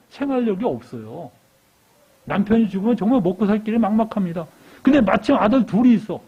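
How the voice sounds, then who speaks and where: Man, lay preacher, high husky voice, lively storytelling sermon, dull lo-fi church recording. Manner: animated storytelling, asks the congregation questions.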